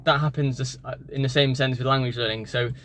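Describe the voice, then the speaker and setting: A native English-speaking man rambles through a casual vlog about language learning, worn out from the gym and full of fillers and false starts. His medium-pitched voice is steady, brisk and fairly bright. Traffic and street noise run behind him.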